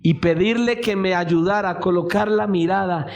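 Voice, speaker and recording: A man preaching a sermon in a church, impassioned, with his voice rising into shouted pleas. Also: high-pitched, normal speed, highs cut off.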